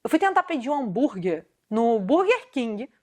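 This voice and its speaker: A woman from Brazil, hosting a casual chat, telling animated, slangy stories and acting out the dialogue. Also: fairly high pitch, normal speed. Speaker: host.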